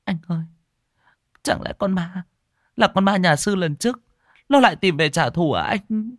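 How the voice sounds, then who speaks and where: A man voicing a young woman student, frightened and tearful, speaking in high, breathless, stammering pleas. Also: lively intonation, moderate pace, no echo, clean studio sound. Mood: tearful pleading.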